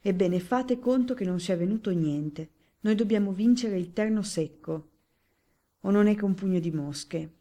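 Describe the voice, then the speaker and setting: A woman reading as Filippino, a poor, anxious father who gruffly scolds his children and speaks in fatalistic sayings, in a storybook. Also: high-pitched, normal speed, warm tone. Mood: grim.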